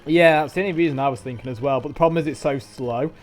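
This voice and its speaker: A man's voice: on the high side, fast, faint music behind. An English man live-streaming a video game, chatting casually and rambling while he snacks. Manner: rambling, chatty, talks with mouth full.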